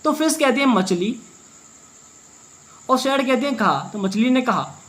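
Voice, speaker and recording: A man teaching as a teacher, translating a story word by word, talking fast and answering his own questions. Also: extremely high pitch, expressive, fairly bright tone. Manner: fast-talking, brisk and drilling.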